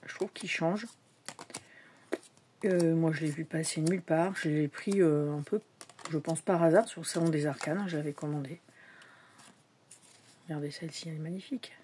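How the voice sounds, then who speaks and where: In a casual show-and-tell vlog, a woman chats about her tarot decks, hesitant and full of fillers, occasionally dropping to a whisper. Her low voice is warm and moderately paced with long pauses, over a faint hiss or hum.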